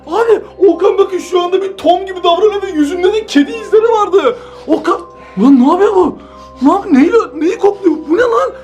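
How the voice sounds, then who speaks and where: Very high-voiced excitable young man. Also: fairly quick, soft background music. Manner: excitable, shouting, breathless narrating. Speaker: co-host. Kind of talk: comedy skit commentary to viewers. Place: indoors at home.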